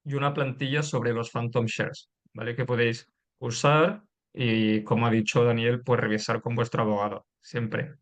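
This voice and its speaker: A man's voice: mid-range voice, flat delivery, moderate pace. A man hosting a webinar on a video call, politely wrapping up and pointing viewers to resources. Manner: polite, wrapping up and giving instructions. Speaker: webinar host.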